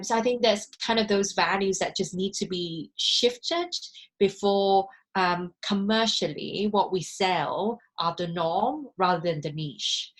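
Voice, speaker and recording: A woman from Hong Kong speaking earnestly on a panel over a video call, with many fillers and restarts. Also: mid-range voice. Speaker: panelist, social enterprise founder. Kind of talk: panel discussion.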